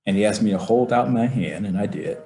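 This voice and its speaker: A middle-aged man with a fairly low voice tells a family memory at a slow, emphatic pace, acting out the lines of the people in it. He speaks from his office, and the sound carries a noticeable room echo. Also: warm tone. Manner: slow, emphatic storyteller who acts out his father's words. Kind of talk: personal storytelling.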